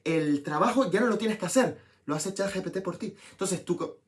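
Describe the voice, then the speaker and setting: A young man giving a casual psychology lesson, lively and checking in with the viewer often. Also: high voice, brisk, background noise. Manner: lively, talks to viewer with frequent "¿bien?". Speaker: psychology teacher.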